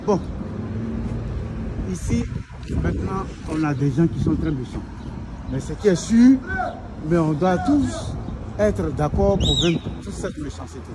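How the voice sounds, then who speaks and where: Earnest street interpreter guy, high-ish voice, says voilà a lot, traffic noise all around. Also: sing-song, measured pace, pauses often. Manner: earnest, self-assured, repeats yes and voilà. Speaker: street interpreter, prank target. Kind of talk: improvised interpreting.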